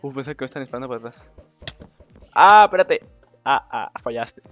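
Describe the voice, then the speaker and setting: A young man with a Mexican Spanish accent giving casual commentary over a game, excitable, swearing and talking to the other players. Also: mid-range voice, moderate pace. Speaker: gameplay commentator. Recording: dull lo-fi mic with faint game music.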